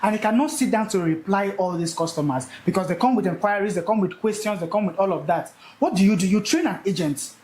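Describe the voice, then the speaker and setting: Young man, energetic classroom teacher, repeats key points, echoey room recording, faint background noise. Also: high-pitched, quick pace, hardly any pauses. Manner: animated, repeats key words for emphasis. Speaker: speaker teaching a live session.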